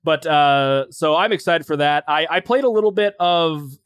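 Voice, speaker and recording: A man's voice: on the high side, normal speed, fairly bright tone, clean tone, no room sound. Rambling male podcast co-host, dry sound. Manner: rambling, hesitant, many fillers and restarts. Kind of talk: casual podcast chat.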